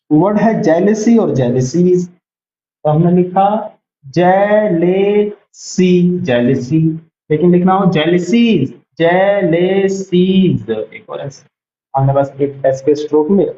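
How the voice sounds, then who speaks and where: High-voiced man teaching shorthand in a roomy space. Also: dark tone, muffled recording, a little hiss or hum. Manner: explains patiently, repeating each word as he writes it. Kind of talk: online lesson.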